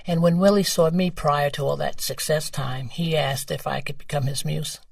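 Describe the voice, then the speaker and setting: An older woman from New York with a New York accent, telling her story as a guest in a casual interview, animated and laughing. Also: low-pitched, moderate pace, vocal fry, no room sound, far from the mic. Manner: animated, laughing, acts out quoted voices.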